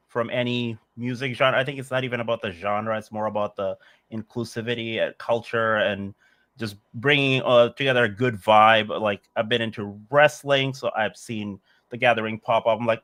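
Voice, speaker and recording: With a lowish but fairly bright voice, a Bangladeshi musician in his forties works through interview questions in a reflective, roundabout way, peppering his answers with "like" and "uh."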